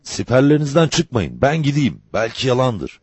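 A man voicing a big, fatherly gendarme sergeant who speaks in loud, commanding calls. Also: medium pitch, sing-song, normal speed, husky, dry recording, pitched above the performer's own voice.

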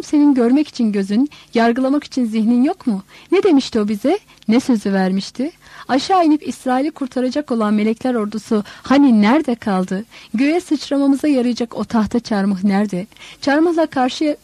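A woman's voice: a little high, animated, normal speed, dark tone, dry recording. Woman doing Judas, furious ranting apostle. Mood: furious, scornful. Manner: accusing, ranting.

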